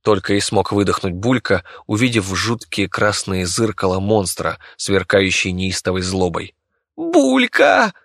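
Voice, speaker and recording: A man narrating a fantasy audiobook in a steady, even reading voice. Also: sits low, measured pace, few pauses, no room sound, clean studio sound.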